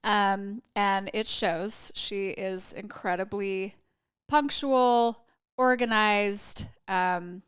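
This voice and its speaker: A woman's voice: mid-range voice, very slow, fairly bright tone, clear, resonant tone, dry recording, studio quality. A woman co-hosting a podcast in casual chat, candid and playfully teasing. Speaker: podcast co-host.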